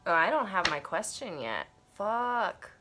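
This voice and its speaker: A young woman in her twenties, her voice congested from allergies, chats casually as she unboxes an oracle deck in her cluttered bedroom, thinking aloud with wandering asides and reading passages aloud. She reviews tarot and oracle decks. Her mid-range voice swings widely in pitch at a measured pace, with background noise audible.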